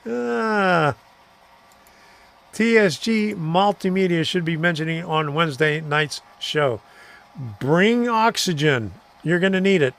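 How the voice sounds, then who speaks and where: A man's voice: sits high, takes it slowly, creaky, a bit bright. A middle-aged man hosting a live stream, chatting casually and answering viewer comments, rambling and chuckling between thoughts. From Florida.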